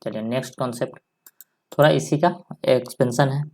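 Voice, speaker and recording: A male maths teacher giving a step-by-step lesson, dictating slowly and repeating each number as he writes it. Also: medium pitch, a little mellow. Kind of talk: step-by-step lesson while writing on a board.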